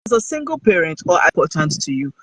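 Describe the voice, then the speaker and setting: Husky Nigerian man, higher voice. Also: sing-song, fast talker, bright, forceful tone, no room sound, rough recording. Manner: earnest, conversational, checks in with the listener. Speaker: guest speaker. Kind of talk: casual live-stream talk. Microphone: video call.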